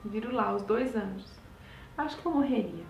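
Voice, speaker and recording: Woman leading an expressive Bible study. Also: fairly high pitch, normal speed, creaky, slight background noise. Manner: expressive, exclamatory asides to listeners. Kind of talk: devotional Bible reading with commentary. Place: home at night. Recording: roomy, distant mic, faint ambience.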